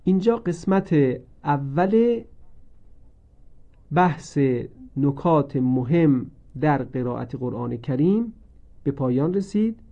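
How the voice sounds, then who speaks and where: A man teaching a recorded lesson on Quran reading, speaking slowly and deliberately and drawing out each word he recites. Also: fairly high pitch, expressive, vocal fry, mellow. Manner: slow, deliberate, repeats each word with drawn-out recited forms. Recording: dull lo-fi recording.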